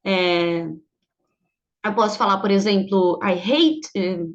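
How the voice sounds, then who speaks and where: A woman's voice: mid-range voice, slow, muffled recording. A woman whose first language is Portuguese, teaching English grammar in an online lesson and explaining step by step while often checking that the class follows.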